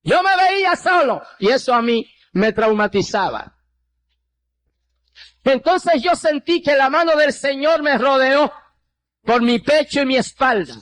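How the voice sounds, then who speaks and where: Older male preacher; high, slow, impassioned testimony delivery, dry close sound. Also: animated, a bit bright, no room sound. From Puerto Rico. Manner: impassioned, slow and drawn out, dropping low on quoted replies. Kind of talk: testimony sermon.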